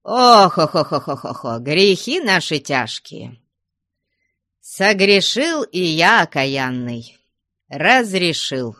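A woman's voice: deep voice, sing-song, slow pace, bright, forceful tone, no echo, clean studio sound, full character voice. A woman reading aloud and voicing a jovial old male abbot who fusses over his guests in a sing-song, doting manner. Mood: mock-lamenting.

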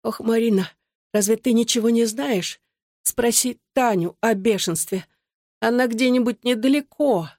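Woman reading a feverish girl, hoarse and weak, pitched a little above her own voice, dry close sound. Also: unhurried, a little mellow, no room sound. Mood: pleading. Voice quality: hoarse, whispering. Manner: weak, pleading. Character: sick frightened girl pleading hoarsely.

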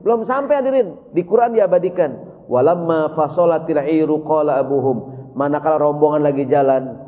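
Male preacher, animated storytelling sermon, tinny sound with long hall echo. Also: a little high, normal speed. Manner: storytelling, addresses congregation repeatedly.

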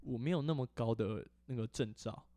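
A man's voice: medium pitch, fairly quick, no room sound. A young man, co-hosting a casual podcast and telling a story with lots of laughs. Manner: laughs often, animated storytelling. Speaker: podcast co-host.

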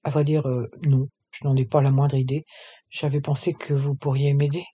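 A man's voice: medium pitch, little pitch movement, normal speed, warm tone, breathy edge, lo-fi sound, lightly acted. A man doing a shy young suitor. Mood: awkward. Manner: hesitant, stumbling.

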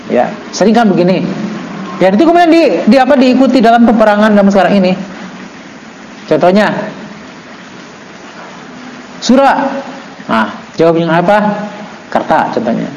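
Male religious teacher, high voice, slow Arabic reading then jokey explanation, echoey room, faint traffic behind. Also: very animated, darkish tone. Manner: reads Arabic text slowly, then explains with joking asides. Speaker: Islamic teacher. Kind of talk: religious book study lesson.

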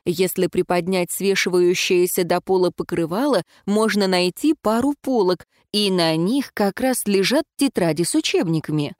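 A woman reading a first-person story aloud in an even, reflective narration. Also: fairly low pitch, moderate pace, few pauses, no room sound, clean studio sound. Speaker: audiobook narrator.

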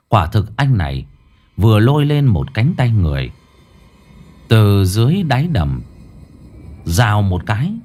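A man's voice: fairly low pitch, a little mellow. A man narrating a ghost story, dramatic and blunt, with coarse slang.

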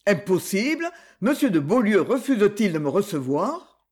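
A man voicing a haughty adult nobleman in an audiobook, curt and commanding, in a high voice. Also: very animated, normal speed, breathy edge, full character voice. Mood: imperious.

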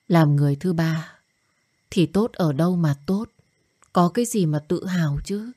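A woman voicing a blunt, fast-talking young girlfriend. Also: fairly low pitch, a little mellow, close to an everyday voice. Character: quick, worried young woman, blunt best friend.

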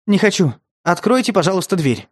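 A man voicing a frightened but defiant young woman who speaks in sharp, demanding bursts. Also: high-pitched, big pitch swings, brisk, pitched above the performer's own voice.

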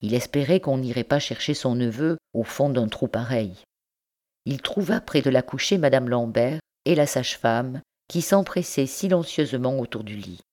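A woman reading a classic novel aloud for an audiobook. Her narration is measured and even. It is scripted, steady storytelling. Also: very deep voice. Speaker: audiobook reader.

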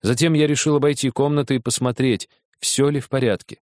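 A man's voice: medium pitch, fairly even intonation, fairly quick, darkish tone, no room sound. Man reading a story in a dry studio. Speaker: audiobook reader. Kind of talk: first-person scripted narration.

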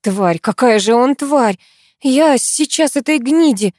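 A woman's voice: fairly high pitch, brisk, mellow, no echo, voice pushed up, close to an everyday voice. Woman playing a furious protective friend, swearing, outspoken, dry close audio, audiobook. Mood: outraged. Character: indignant protective female friend, young adult.

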